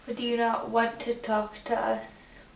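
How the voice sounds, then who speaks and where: Higher-voiced woman vlogging in an echoey room. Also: completely flat delivery, unhurried. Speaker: paranormal investigation vlogger. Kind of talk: casual ghost-hunt vlog chat. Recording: roomy, distant mic, faint noise.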